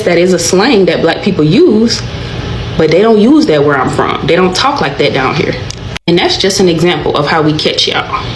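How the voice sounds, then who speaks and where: Frank woman in a roomy, noisy recording. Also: on the low side. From Georgia, US. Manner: frank, deliberate explaining. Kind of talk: explanatory reaction video.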